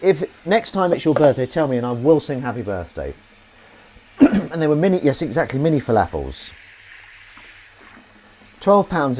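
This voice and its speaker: Man, animated rambling chat, kitchen sink stream, faint clatter behind. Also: medium pitch, slight background noise. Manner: chatty, self-deprecating, rambling with restarts. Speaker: streamer washing up live. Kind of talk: casual live-stream chat.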